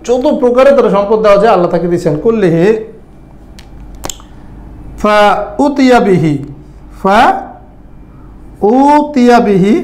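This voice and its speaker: A man's voice: sits high, reverberant. A man teaching Arabic grammar in an online lesson. He explains step by step and keeps asking his students whether they follow. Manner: explains step by step, often checks "right? clear?".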